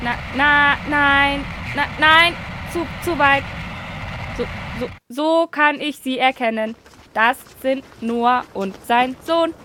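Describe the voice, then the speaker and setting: A woman's voice: high-pitched, slow pace, background noise. A woman voicing a friendly, polite onboard computer in a children's audio story. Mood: guiding. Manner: polite, announces like a machine.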